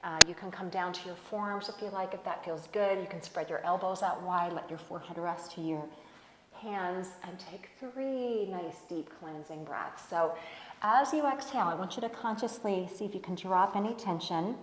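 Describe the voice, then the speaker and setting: A woman teaching a slow-flow yoga class, giving calm, encouraging cues and laughing off small mishaps. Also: fairly low pitch, slight background noise. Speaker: yoga instructor. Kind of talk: guided yoga class instruction. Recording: echoey room with long reverb.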